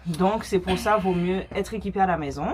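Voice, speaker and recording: Here a co-owner of a small cosmetics business, a woman from the French Caribbean (Guadeloupe and Martinique), fields questions in a relaxed video with step-by-step practical guidance. Her voice is on the low side and a little mellow, and she talks a bit fast. A slight hiss or hum can be heard.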